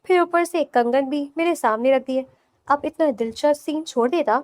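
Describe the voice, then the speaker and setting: A woman voicing a calm, amused young husband in an audio novel, teasing his bride with unhurried replies. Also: high-pitched, no room sound, clean studio sound, close to an everyday voice.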